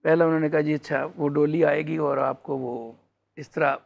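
A qawwali singer, telling a chatty anecdote as a guest on a TV show. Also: male voice, on the high side, steady tone, normal speed, vocal fry, highs cut off. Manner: storytelling, chatty.

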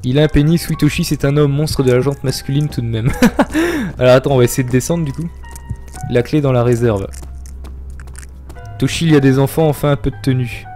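Brisk but pausing often, a young man with a mellow mid-range voice streams a horror game while faint music plays. He keeps up jokey, chatty live commentary, reads the chat, and reacts to scares with yelps and laughter.

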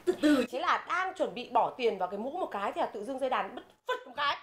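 A woman's voice: high voice, slight background noise. A woman with a Northern Vietnamese accent playing a chatty village woman who loves telling stories and laughs at her own jokes. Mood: amused. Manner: animated storyteller, quick to laugh. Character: chatty, giggly village woman fond of gossip. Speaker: neighbor friend telling stories. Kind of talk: comedy film dialogue.

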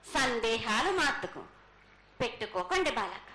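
Woman oracle in high, swooping prophetic trance voice. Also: very animated, measured pace. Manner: prophetic trance voice, declaiming as the goddess. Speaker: oracle speaking as the goddess at a temple festival. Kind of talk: ritual oracle pronouncement. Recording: echoey, noisy live festival broadcast.

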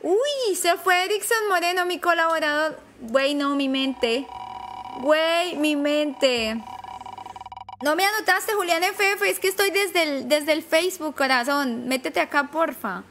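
A woman streaming live to her chat, commentary full of excitable, nervous exclamations. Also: high-pitched, a little slow.

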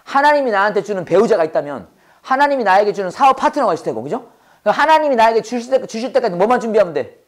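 A man's voice: high-pitched, big pitch swings, racing. A Korean-speaking man teaching a Bible-based English lesson to a class. He drills phrases with call-and-response and laughs often.

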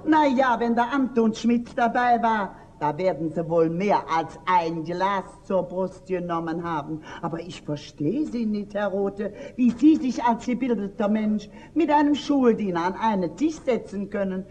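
An actress playing a prim, nosy middle-aged spinster schoolteacher in a stage comedy, fussy and indignant. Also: female voice, mid-range voice, a little slow, few pauses, darkish tone, natural voice. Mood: scandalized. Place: theater stage.

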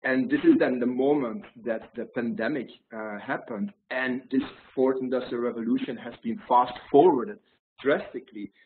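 A man's voice: medium pitch, moderate pace. A man in his thirties from Belgium, giving a keynote over a video call and talking loosely with fillers. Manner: loose, talkative, uses fillers. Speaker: guest speaker. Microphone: video call webcam. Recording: tinny call audio, faint noise.

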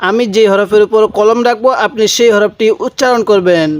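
A man teaching Quran reading, drawing out each letter slowly and prompting his viewers to answer. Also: sits high, smooth. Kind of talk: Quran recitation lesson.

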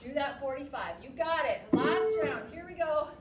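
High-pitched woman aerobics instructor, echoey gym. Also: normal speed. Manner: energetic, motivating, short bursts while exercising. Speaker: aerobics and fitness class instructor. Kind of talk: aerobics instructor calling out cues and encouragement. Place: large gym studio, indoors. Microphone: distant camera microphone. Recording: echoey gym, distant mic, noisy.

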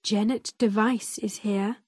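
A woman voicing a quiet, calm gentleman in a storybook. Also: medium pitch, slow, breathy edge, no room sound. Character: quiet gentleman speaking calmly.

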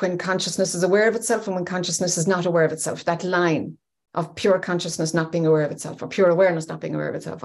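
Thoughtful woman teaching on a webcam. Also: on the low side. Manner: thoughtful, searching for words, animated hand gestures. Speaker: spiritual teacher. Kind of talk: reflective spoken teaching. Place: home room with bookshelves, indoors. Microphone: webcam on video call.

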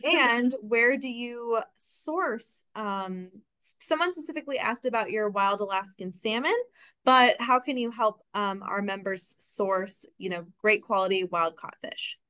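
A woman's voice: medium pitch, a little slow, pushed and bright, no echo. A young adult woman moderating a Q&A, reading audience questions politely with some hesitation, over a video call. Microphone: video call webcam.

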